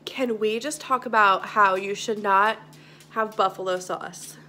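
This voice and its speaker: A young woman vlogging casually about her diet, her voice bright and forward despite a stuffy nose from a cold. She rambles along with plenty of ums and restarts. It sounds like a handheld phone in a home kitchen. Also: medium pitch, a little slow, a little hiss or hum. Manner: chatty, rambling with many ums.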